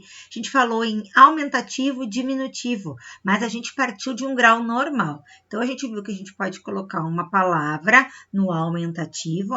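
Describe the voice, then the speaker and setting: Speaking in a sharp, mid-range voice over dull-sounding audio, a female teacher from Brazil reviews material with children in a recorded lesson. She goes step by step, often pauses for quick check-in questions, and lengthens words to highlight stressed syllables.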